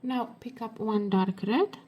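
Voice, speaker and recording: A woman hosting a beading tutorial, giving soft step-by-step instructions, her voice hoarse as if she is losing it. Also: fairly high pitch. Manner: soft, slow, half-whispered while working.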